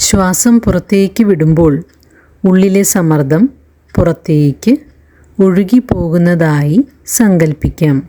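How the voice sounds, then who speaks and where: A woman's low, deeply mellow voice carries this slow guided relaxation narration. In the manner of a meditation instructor, she speaks soothingly and extremely slowly, letting long silences fall between brief phrases.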